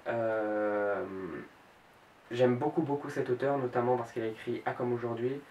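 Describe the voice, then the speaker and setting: Hesitant teenage book vlogger, roomy sound. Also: male voice, medium pitch, flat delivery, fast talker, a little mellow. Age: late teens. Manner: hesitant, frequent fillers and self-corrections. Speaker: book blogger. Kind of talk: casual book vlog. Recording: roomy echo, mic at a distance, faint background hiss.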